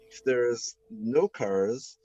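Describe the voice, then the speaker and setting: A man in rambling deadpan comedic banter, halting and full of fillers and restarts. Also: medium pitch, husky, muffled recording. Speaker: panelist.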